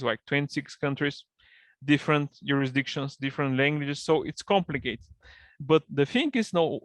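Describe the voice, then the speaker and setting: Gravelly-voiced Bulgarian man explaining. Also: a little high, fairly bright tone, no room sound. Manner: fluent non-native English, explanatory. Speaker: guest, partnership manager. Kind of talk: online interview.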